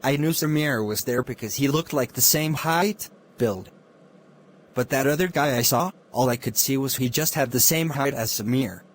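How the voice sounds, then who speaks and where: A man's voice: medium pitch, normal speed, slight background noise, lightly acted. A man playing an ordinary, unsure neighbour giving a witness statement in a murder mystery film. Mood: hesitant.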